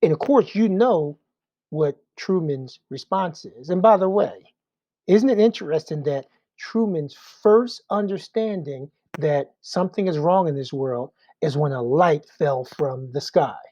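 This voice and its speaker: Male Sunday school teacher, warm tone, dry close sound, conversational with rhetorical asides. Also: on the high side, lively intonation, measured pace, no room sound, lo-fi sound. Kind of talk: adult Bible class teaching.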